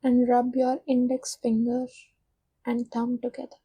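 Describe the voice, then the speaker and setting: A woman guides a meditation in a soft, husky, fairly high voice, slow and monotone with little rise or fall. She gives gentle, soothing instructions separated by long pauses. The low-quality recording has no room sound.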